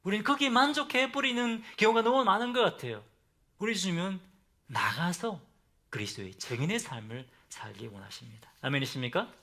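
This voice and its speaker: A man preaching a Sunday sermon as pastor. He asks the congregation questions and ends phrases softly for emphasis. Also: expressive, fairly quick. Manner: drops to soft, low endings for emphasis.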